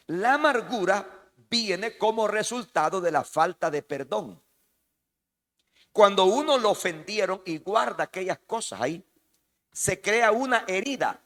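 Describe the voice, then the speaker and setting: A Salvadoran man serving as pastor preaches a sermon in a church hall, emphatic and repetitive, frequently addressing the congregation as "hermano." His voice sits high with a fairly bright tone, and the hall's reverb is noticeable in the recording.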